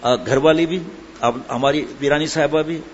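A man preaching a sermon and telling humorous anecdotes in a chatty way, full of asides. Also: a little high. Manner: conversational storytelling, chatty asides. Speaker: religious preacher. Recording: dull lo-fi with faint background noise.

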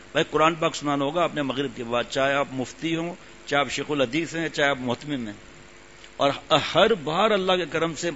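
In a lo-fi recording that sounds dull and has a faint hum behind it, an older religious teacher preaches casually. He often circles back to repeat phrases for weight, speaking in a slightly high voice.

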